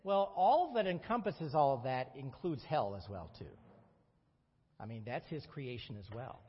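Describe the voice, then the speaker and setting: A man leads a group Bible study, lively and conversational as he questions his class. His mid-range voice moves at normal speed with a breathy edge, and the audio is dull with long room reverb.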